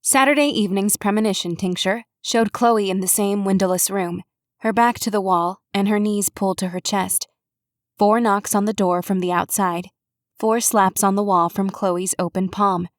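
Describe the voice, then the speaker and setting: A woman's voice: mid-range voice, steady tone, moderate pace, no echo, studio quality. Woman narrating a cozy mystery audiobook. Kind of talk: scripted narration.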